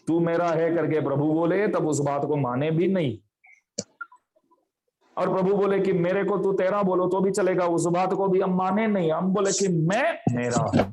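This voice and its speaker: Male spiritual speaker, fairly high voice, storytelling sermon that voices each character. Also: darkish tone. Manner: acts out family members' quoted lines in a story. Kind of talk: devotional storytelling discourse.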